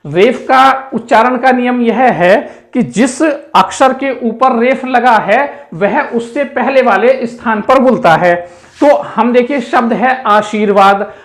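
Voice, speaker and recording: A man with a very high-pitched voice teaches a Hindi grammar lesson for exam preparation. He explains slowly and repeats key words as he points things out.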